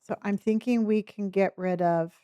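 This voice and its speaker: A woman live streaming a game with casual, halting commentary, thinking aloud, with a speech impediment that turns her r's into w's. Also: mid-range voice, steady tone, warm tone, smooth. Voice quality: speech impediment, cannot pronounce R's, says w for r.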